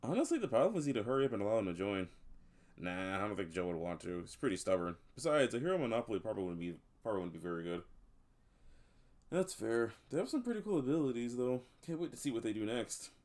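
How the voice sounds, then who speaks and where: A man voicing young gossiping townsfolk who chatter excitedly in slang, full of "like" and "dude". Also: fairly low pitch, fast talker. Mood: chatty. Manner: slangy, rambling, lots of "like" and "dude".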